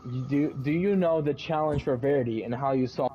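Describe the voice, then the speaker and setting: A man in casual gaming chat over a crackly mic that keeps cutting out, talking haltingly and repeating himself. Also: medium pitch. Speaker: gamer on voice chat. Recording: dull lo-fi mic with loud noise.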